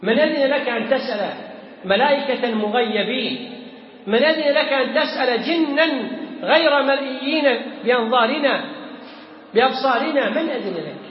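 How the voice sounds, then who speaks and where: A man giving a religious lesson on a text, animated and firing rhetorical questions at his students. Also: very high voice, normal speed. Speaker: religious teacher. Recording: echoey hall, dull audio.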